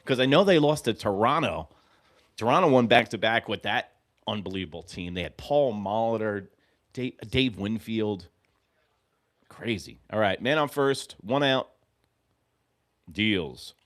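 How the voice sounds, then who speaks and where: A man in his forties from New York hosting a live fan reaction stream, calling pitches and drifting into rambling, profane stories, swinging between muttering and shouting. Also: lively intonation, a little slow, long pauses. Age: 40s. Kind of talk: live game-reaction commentary.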